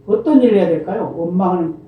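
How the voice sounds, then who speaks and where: A man's voice: sits high, animated. Male pastor preaching in an echoey sanctuary. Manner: asks the congregation rhetorical questions and answers them; reads scripture aloud in a slow, formal cadence. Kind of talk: sermon. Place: church sanctuary. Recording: echoey church hall from far off, dull lo-fi sound.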